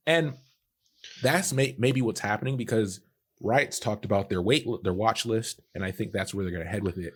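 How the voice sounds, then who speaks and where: A man's voice: fairly low pitch, slightly rough. A man co-hosting a casual gaming podcast, talking in long, laid-back run-on thoughts. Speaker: podcast co-host.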